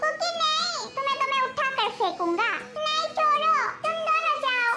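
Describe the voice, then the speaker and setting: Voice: very high-pitched, expressive, moderate pace, loud music behind the voice. A performer voicing a whole cast of squabbling comic family members in an amateur voice dub, teasing and whining at each other. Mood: bickering. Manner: bickering, teasing and whiny. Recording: roomy home recording, loud hiss.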